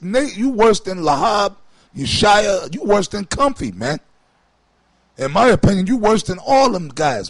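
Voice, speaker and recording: A man's voice: sits high, no echo. A man co-hosting a show, giving heated, confrontational religious commentary in a slangy, preachy way. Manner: confrontational, preachy and slangy, with repeated 'man' asides. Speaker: co-host.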